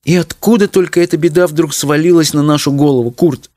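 A man voicing a fussy, anxious middle-aged mother in a storybook reading, in a shrill, scolding manner. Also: steady tone, brisk, mellow, no room sound, studio quality, natural voice. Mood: tearful.

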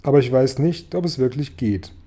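A man doing a calm, earnest young boy. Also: medium pitch, normal speed, slightly rough. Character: young boy, quiet and thoughtful. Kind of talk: audiobook reading.

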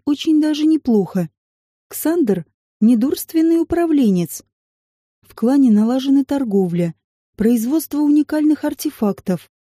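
Woman reading an audiobook, wry and ironic, slightly high but really mellow dark tone. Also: dry recording, studio quality. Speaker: audiobook narrator. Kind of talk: scripted first-person narration.

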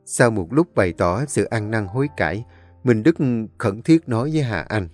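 A man narrating a story in a steady, even storytelling manner. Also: fairly low pitch, normal speed, no room sound. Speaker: audiobook narrator. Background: faint background music.

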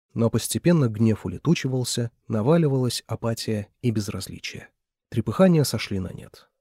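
A man's voice: medium pitch, gravelly, darkish tone, husky, dry recording, studio quality. A man narrating a dramatic story in short, clipped phrases.

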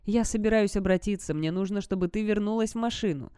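A woman's voice: medium pitch, fast, warm tone, smooth, dry recording, clean studio sound, close to an everyday voice. A woman voicing a tense, protective young werewolf man, giving urgent, clipped warnings in an audiobook. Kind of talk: audiobook character voice.

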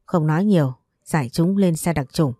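Lady reading a cop giving orders, brisk, low warm voice. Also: no room sound, studio quality. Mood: commanding. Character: police officer, brisk and commanding.

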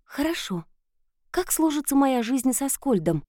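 Woman reading as young princess, timid, trembling, pleading, high-pitched. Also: big pitch swings, unhurried, dark tone, no room sound, clean studio sound. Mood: anxious.

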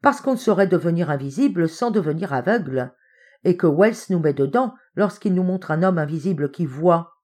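A woman reading an excitable young man who argues his point with eager, insistent triumph. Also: on the high side, moderate pace. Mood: triumphant. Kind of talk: audiobook character reading.

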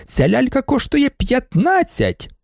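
Shrill, mocking baroness, put on by a male narrator in a storybook reading; high, swooping, gravelly. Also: huge pitch swings, takes it slowly, darkish tone, no room sound, studio quality, heavily acted. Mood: indignant. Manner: hissing, mocking. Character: scheming, shrill society baroness woman.

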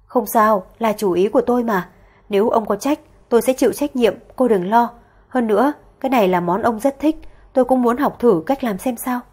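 A composed young woman in an audio story, voiced by a woman narrator close to her own soft, slightly breathy tone. She keeps a calm, gentle, even manner, and her voice sits fairly high. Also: fairly quick.

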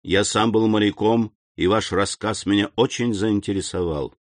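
A man voicing a grave, noble middle-aged count, calm and measured in an audiobook reading. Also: fairly low pitch, no room sound, clean studio sound, natural voice.

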